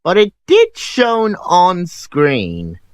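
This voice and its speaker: Slow, snarky male clip commentator. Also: high-pitched, wildly swooping pitch, over loud music. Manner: snarky, mocking, unhurried. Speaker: host. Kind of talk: sarcastic commentary over clips.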